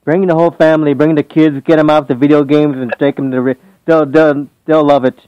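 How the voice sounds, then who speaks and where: A man's voice: fairly high pitch, little pitch movement, fairly quick, darkish tone, clear, resonant tone, dry recording, highs cut off. A man in his forties hosting a casual radio interview, easygoing and asking simple questions. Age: 40s. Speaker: radio show host.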